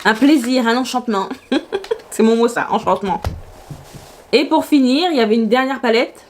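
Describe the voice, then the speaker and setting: A woman's voice: fairly high pitch, normal speed, a little mellow, slight background noise. A woman vlogging casually about her makeup, gushing and exclamatory in a chatty way. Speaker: beauty vlogger.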